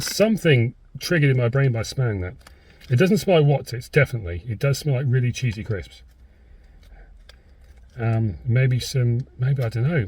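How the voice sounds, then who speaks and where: British male food reviewer, husky mid-pitched voice, hesitant rambling casual chat, recorded in a car. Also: a little mellow. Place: inside a parked car.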